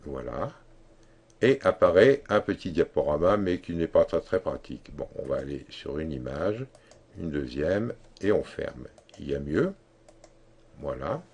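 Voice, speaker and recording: Slow deep-voiced man explaining software. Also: expressive, breathy edge. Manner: slow, halting explanation with many fillers and restarts. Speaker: tutorial instructor. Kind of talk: screen-recorded software tutorial.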